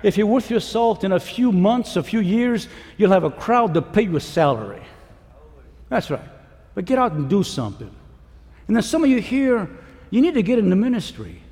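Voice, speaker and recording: Fiery male preacher at a conference, lively high voice, long hall reverb. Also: normal speed. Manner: animated, swings between shouting and hushed pleading. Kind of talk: conference sermon.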